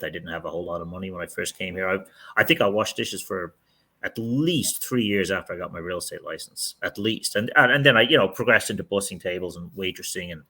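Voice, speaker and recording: This middle-aged man, who leads a real estate team and isn't from the U.S., speaks in a low register with a bright, forceful tone. His interview answers are frank and wandering, and he often starts sentences over.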